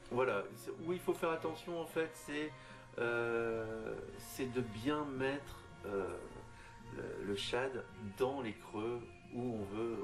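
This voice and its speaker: A man talking through a miniature painting tutorial in a casual, halting way, full of fillers and restarts. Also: lowish voice. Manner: hesitant, lots of fillers and restarts, addresses viewer informally.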